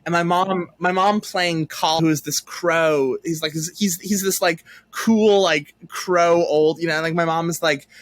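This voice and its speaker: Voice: medium pitch, steady tone, unhurried, hardly any pauses, no room sound. A game designer chatting as a podcast guest, rambling and self-deprecating with lots of fillers. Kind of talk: casual interview chat.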